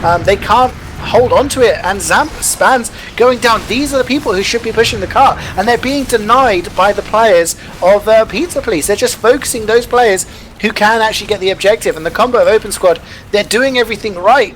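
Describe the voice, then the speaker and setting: Male esports caster with a high voice, live play-by-play and analysis, noisy backdrop. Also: normal speed, a bit bright.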